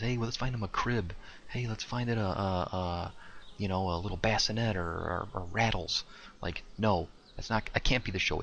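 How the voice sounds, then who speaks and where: A man's voice: low voice, pushed and bright, a little hiss or hum. A man hosting his own show, rambling casually and sarcastically, with lots of fillers. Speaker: podcast host. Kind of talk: casual opinion rant.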